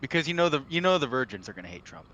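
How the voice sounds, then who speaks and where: Brash, lively, bright-voiced man joking. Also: a little high, very fast, muffled recording, a little hiss or hum. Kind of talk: crude casual group voice chat.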